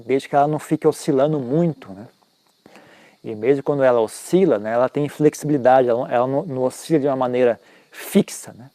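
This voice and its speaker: A medium-pitched, mellow male voice with no room sound. He teaches Buddhism in a relaxed, conversational way, often ending sentences with tag questions and making self-mocking asides.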